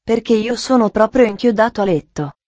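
A woman reading the part of a grumpy, bedridden older man in an audiobook, gruff and sarcastic. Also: a little high, fairly quick, darkish tone, no room sound, highs cut off, close to an everyday voice.

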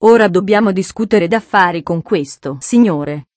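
A woman's voice: medium pitch, normal speed, a little mellow, no echo, close to an everyday voice. A woman voicing a cold, stern old invalid mother, speaking firmly, in a dry storybook reading.

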